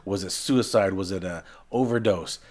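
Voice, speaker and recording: A lower-voiced man chatting animatedly. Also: normal speed. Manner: animated, repeats words and restarts often. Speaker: podcast co-host. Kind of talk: casual chat.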